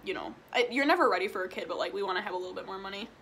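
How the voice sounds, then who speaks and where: Racing along in a medium-pitched voice over a noisy background, this woman chats casually and snacks as she takes viewer questions. She's a twenty-year-old vlogger from Illinois doing a mukbang Q&A indoors in a small room at home, peppering her talk with "like" and "um."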